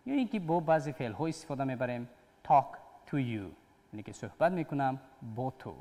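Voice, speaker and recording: A man's voice: medium pitch, a little mellow. A man hosting a TV English lesson, patiently explaining grammar step by step. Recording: long hall reverb.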